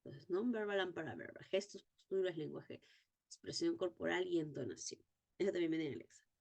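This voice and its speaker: A woman teaching an exam-prep lesson, reading English terms slowly and repeating key points. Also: fairly low pitch, creaky, darkish tone.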